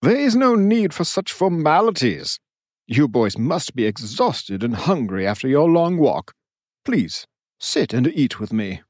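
Man reading a smooth, genial lord in his forties, measured and lively in pitch, dry close sound. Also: no room sound. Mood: welcoming. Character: charming middle-aged male ruler, smooth.

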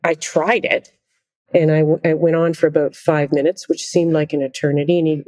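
A middle-aged woman, a conductor and interview guest, telling animated, self-deprecating stories in casual conversation. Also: low-pitched, a little fast, no echo. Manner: animated, self-deprecating anecdotes with frequent laughter.

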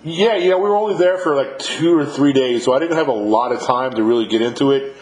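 A man's voice: mid-range voice, a little fast, crowd noise. A man in his fifties hosting a casual interview over a call, easygoing and saying "man" often. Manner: easygoing, says "man" a lot. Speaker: podcast host. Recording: roomy echo.

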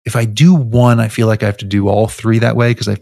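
A man's voice: fairly low pitch, flat delivery, fast, vocal fry, warm tone, no echo, clean studio sound. A man co-hosting a podcast in casual chat, rambling and restarting his sentences, laughing often. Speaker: podcast co-host.

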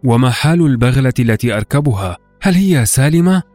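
A man's voice: medium pitch, animated, fairly quick, warm tone, no echo, faint music behind, voice pushed up, lightly acted. A man voicing a distraught, grieving merchant master in a storybook tale, questioning and lamenting in anguish. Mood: alarmed. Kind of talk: storybook character voice in narration.

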